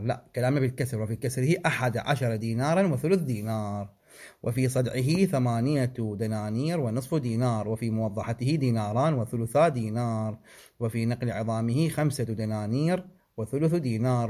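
A man teaching religious law in a seminary-style lecture. He recites figures from a text in a measured way, breaking off for short asides and corrections. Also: medium pitch, warm tone.

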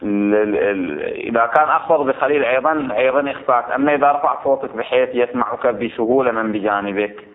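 A man's voice: medium pitch, fast talker. A man teaching religious law to students. He explains a text, repeats his points and keeps checking whether they follow. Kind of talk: seminary lesson explaining a text. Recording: tinny phone-like recording.

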